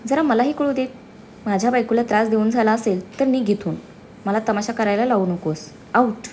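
A woman's voice: fairly high pitch, fairly quick, darkish tone, a little hiss or hum, close to an everyday voice. A woman doing a brusque young husband. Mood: firm. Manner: blunt, commanding.

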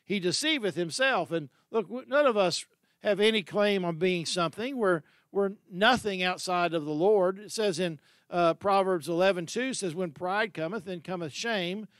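An older pastor preaches an earnest sermon, full of fillers and repeated words, while holding a handheld mic in a large unfinished hall. His voice sits high, and the audio is studio quality.

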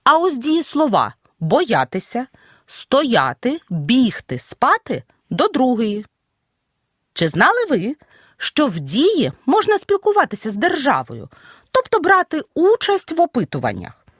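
A woman teacher giving an audio grammar lesson, stressing each example word clearly. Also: sits high, wildly swooping pitch, unhurried, dry recording, studio quality. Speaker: Ukrainian language teacher.

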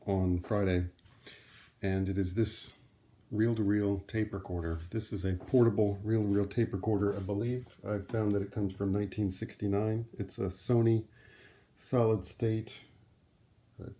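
Handling his gear in a room at home, this middle-aged vintage audio vlogger talks through an unscripted demonstration in a relaxed, conversational way, thinking out loud. He has a lowish, mellow voice.

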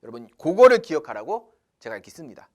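Male English teacher, casual lesson delivery, very lively pitch, asks and answers his own questions. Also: fast talker. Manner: animated, asks rhetorical questions then answers; switches into English phrases.

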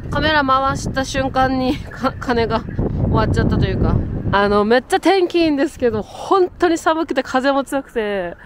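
A woman's voice: high-pitched, animated, moderate pace, heavy background noise. A woman, chatting to her camera as she walks around a city outdoors, laughing often. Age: 30s. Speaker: travel vlogger. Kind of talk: casual travel vlog narration. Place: outdoors in a windy, cold city.

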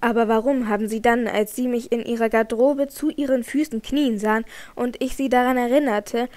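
In an audiobook, a woman voices a jealous, agitated young nobleman, heated, angry and accusing. Her voice is a little high and darkish, close to everyday speech, brisk with fairly even intonation.

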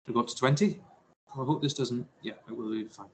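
A man's voice: mid-range voice, fairly quick, slight background noise, poor audio. A man teaching a science lesson to his class, talking through a simulation with jokey, self-deprecating asides.

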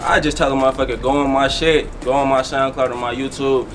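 A nineteen-year-old man talks in a casual interview about his rapping. He speaks in loose street slang and keeps asking "you feel me." His voice sits at a middle pitch, with steady noise behind it. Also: fast. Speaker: rapper, guest. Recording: noisy background.

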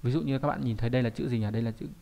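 A man's voice: mid-range voice, steady tone, racing, vocal fry, warm tone. A man teaching kanji in an online video lesson, talking casually and often asking rhetorical questions and tag questions.

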